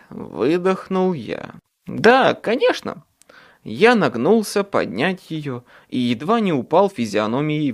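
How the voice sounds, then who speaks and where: A man narrating an audiobook in first person with a dramatic, expressive delivery. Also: fairly high pitch.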